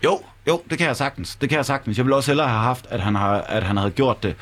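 En mand, der sludrer afslappet om fodbold og ofte gentager sine ord, når han leder efter dem. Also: male voice, medium pitch, animated, a bit bright. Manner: stammering, repeats words. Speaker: football podcast panelist. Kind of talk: casual chat.

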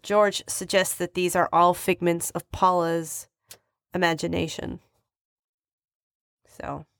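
A woman's voice: lowish voice, fairly even intonation, slow, creaky, fairly bright tone, no room sound, studio quality. A woman co-hosting a podcast in casual chat, playful and teasing. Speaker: podcast co-host.

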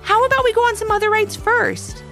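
A woman voicing a practical young girl friend in a children's story, speaking in a high voice. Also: fairly even intonation, fairly quick, pushed and bright, faint music behind, heavily acted. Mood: concerned.

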